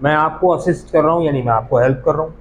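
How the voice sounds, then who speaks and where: A man's voice: fairly high pitch, racing, a little hiss or hum, rough recording. A man teaching English grammar in a classroom. He speaks with a lilt and quizzes his students as he explains. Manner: explains patiently, asks the class questions. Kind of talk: classroom lecture.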